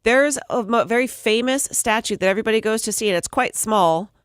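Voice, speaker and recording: A woman with a clear, resonant, slightly high voice speaks a little fast, hosting a radio morning show. She tells odd news stories with jokes, bantering casually with her co-hosts. The studio microphone gives a clean sound with no room echo.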